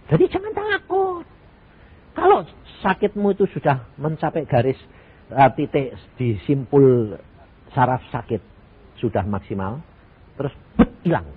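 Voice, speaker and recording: Husky older preacher with speech. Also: male voice, mid-range voice. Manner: animated preaching with rhetorical questions and sudden loud bursts. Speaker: evangelist preacher. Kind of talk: sermon. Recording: tinny lo-fi phone-like audio.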